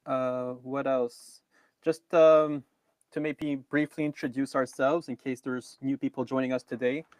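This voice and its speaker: A man's voice: medium pitch, flat delivery, unhurried, no room sound. A man co-hosting a live online news review, talking casually with many ums and restarts. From Canada. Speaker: co-host.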